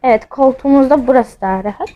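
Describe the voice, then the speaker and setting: Jumpy and anxious, a young woman keeps saying she's scared as she vlogs on her phone at home and plays a ghost-hunting app. She talks fast in a high, mellow voice. The audio is poor.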